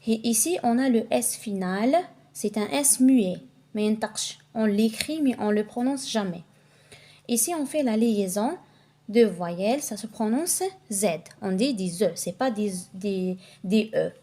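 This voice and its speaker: Woman, French teacher, warm mellow tone, patient deliberate explaining. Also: on the high side. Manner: slow, careful reading with switches between Arabic and French. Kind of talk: explaining a pronunciation lesson.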